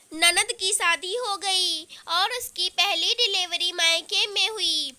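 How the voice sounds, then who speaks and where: A woman narrates a family moral tale in a calm, measured storytelling manner. Her voice is very high and bright, and she reads slowly and steadily.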